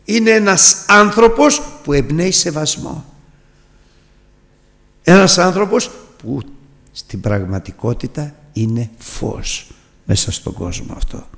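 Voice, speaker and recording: A man preaching a sermon with passion, often swelling to near-shouts. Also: a little high, lively intonation, vocal fry, pauses often. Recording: long hall reverb.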